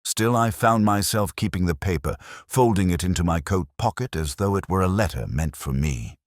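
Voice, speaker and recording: A man playing a melancholy older police inspector, narrating a detective drama in a measured, literary, reflective way. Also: sits low, expressive, no room sound, studio quality. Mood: dry, reflective. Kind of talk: scripted first-person detective drama narration.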